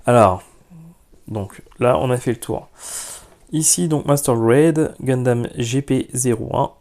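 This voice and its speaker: Host: man, mellow voice, chatty unboxing vlog, hesitant and opinionated. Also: medium pitch, unhurried. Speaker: YouTube model-kit reviewer.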